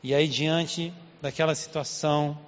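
Animated preacher in reverberant hall. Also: male voice, fairly high pitch, unhurried. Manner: animated storytelling, frequent "né?" asides. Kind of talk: sermon. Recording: long reverb, dull lo-fi sound.

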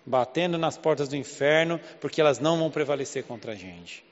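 His mid-range voice runs fairly quick with lively intonation as this Southeast Brazilian pastor, speaking his region's Portuguese, preaches conversationally full of rhetorical questions. The setting is a large church hall, and the highs are cut off in the recording.

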